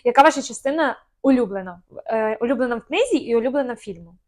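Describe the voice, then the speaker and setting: A woman's voice: fairly high pitch, expressive, fast. A young woman co-hosting a casual chat, talking easily with lots of fillers and small hesitations. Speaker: podcast co-host.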